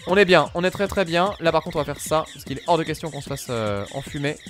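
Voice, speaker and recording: Young guy streamer, pretty high voice, yells n swears at the game, faint music behind. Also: fast. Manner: excitable, swearing, shouting at the game. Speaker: gaming streamer. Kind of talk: live gameplay commentary.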